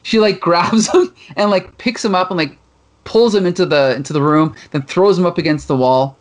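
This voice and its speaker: A man's voice: high-pitched, moderate pace. A man from Canada, co-hosting a casual podcast chat and retelling a comic with playful read-out lines. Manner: animated, reads comic lines in playful voices. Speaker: podcast co-host.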